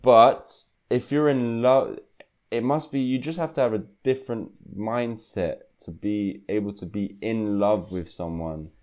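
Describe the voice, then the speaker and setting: A man's voice: fairly low pitch, unhurried, a little mellow. Young London man, roadman slang, casual debater. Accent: London, urban street slang. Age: young adult. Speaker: podcast co-host. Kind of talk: casual debate among friends.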